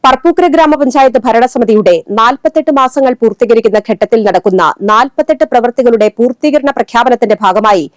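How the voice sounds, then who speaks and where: High-voiced woman reading the news. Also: no echo. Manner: steady, formal bulletin reading. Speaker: news anchor. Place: studio.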